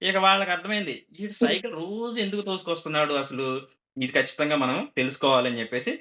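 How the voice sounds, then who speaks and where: A man's voice: fairly high pitch, steady tone, fast talker, pushed and bright, dull audio. A man telling a comic story to a group, acting out the characters' quoted lines.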